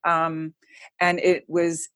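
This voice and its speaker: A woman's voice: lowish voice, monotone, drawn-out words, a bit bright, no room sound. Middle-aged woman host, dry close sound. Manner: conversational, asks follow-up questions. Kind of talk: casual chat.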